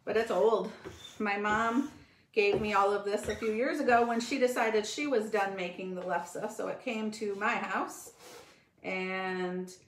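A middle-aged woman with a mid-range voice speaks at a measured pace and fairly even intonation while hosting a live cooking demonstration at home. She chats in a friendly way to viewers as she works at the counter, recorded by a fixed camera across from her, with roomy kitchen echo and a faint hiss or hum.

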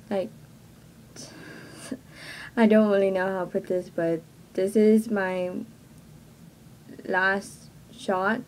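A woman's voice: mid-range voice, mellow, poor audio. A young woman with a Texan accent making a casual announcement to her viewers, hesitant and self-conscious, filling her talk with "like," recorded on a webcam in a small bedroom. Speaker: vlogger. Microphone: webcam at close range.

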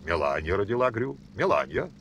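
A man's voice: deep voice, big pitch swings, brisk, fairly bright tone, husky, pitched below the performer's own voice, heavily acted. A man voicing a harsh, commanding old peasant father who speaks in rustic dialect and threatens. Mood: stern. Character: stern old male Old Believer father.

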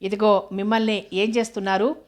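Woman narrator doing a sharp-tongued wife in a storybook, scolding in an even tone. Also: medium pitch, fairly quick, natural voice. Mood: irritated. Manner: scolding, shouting.

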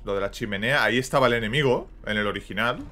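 A man with a Spain Spanish accent giving casual, excitable reaction commentary over gameplay, dropping quick tag questions to his viewers. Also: lowish voice. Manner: excitable, peppers speech with quick tags. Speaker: gaming YouTuber.

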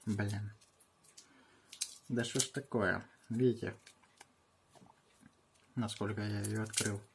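A man in his thirties chatting casually on a home vlog in halting short bursts while he handles and tastes things, with a husky voice. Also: fairly low pitch, flat delivery, background noise. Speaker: video host tasting candy. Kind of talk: casual vlog chat with muttered reactions. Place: small room at home.

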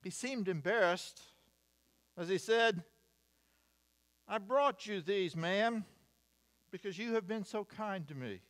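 Older american pastor at the pulpit, kinda high voice, dry little jokes, leans hard into his lists. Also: lively intonation, fairly bright tone. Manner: measured, wry asides, reading lists emphatically. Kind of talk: sermon. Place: church sanctuary, at a wooden pulpit. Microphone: pulpit mic, far camera.

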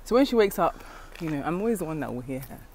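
A young woman talks into her earphone mic while walking down a street, chatty and confiding, drifting from thought to thought. Traffic and street noise sit clearly behind her voice. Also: low-pitched, very animated, quick pace, a little mellow. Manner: chatty, rambling, confiding asides. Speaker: vlogger, mother. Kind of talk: casual walking vlog chat. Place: outdoors on a city street. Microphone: wired earphone mic, phone at arm's length.

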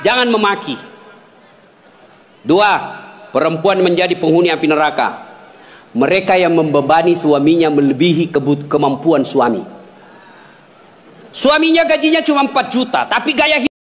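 A male preacher giving a humorous sermon, teasing his audience, shouting at times and crooning bits of songs. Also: sits high. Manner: animated, teasing, swings between shouting and crooning song snippets.

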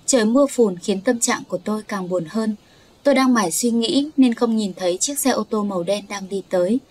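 A woman's voice: mid-range voice, fairly quick, darkish tone, husky. A woman storyteller narrating a sorrowful first-person story in a confessional way.

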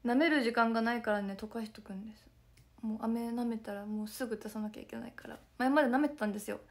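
A young woman with a hoarse, scratchy voice talks casually to her fans on a phone livestream, pitched a little high. She rambles in a soft, friendly way and often drops into a breathy whisper. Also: fast talker. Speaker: idol group member streaming to fans.

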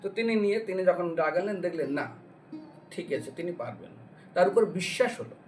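This man talks fairly quickly in a high-pitched voice. A religious preacher and storyteller, he brings a devotional lecture to life by acting out dialogue and quizzing his audience. Music underlies the distantly recorded speech.

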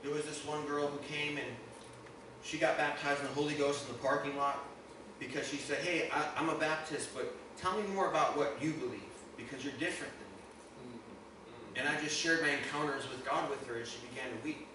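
A man's voice: on the high side, steady tone, brisk. Man preaching in an echoey church. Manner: storytelling, rising to emphatic preaching. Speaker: guest minister. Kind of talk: sermon testimony. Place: church sanctuary. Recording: echoey hall, distant mic, noisy.

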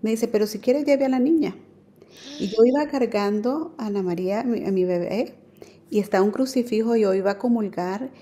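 A woman's voice: fairly high pitch, fairly quick, dark tone. A woman telling her personal faith story as a radio guest, earnest and full of fillers. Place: radio studio.

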